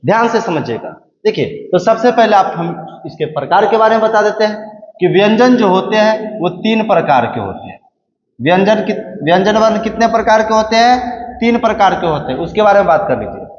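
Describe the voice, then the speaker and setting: A man teaching a class in a high voice, going over each rule again and again and firing questions at the students before he answers them himself. The recording is dull and lo-fi, with a faint hiss underneath. A long, roomy echo hangs on every word. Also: expressive, brisk. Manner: repeats each point and asks the class questions. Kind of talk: classroom grammar lesson. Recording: echoey room, dull lo-fi sound.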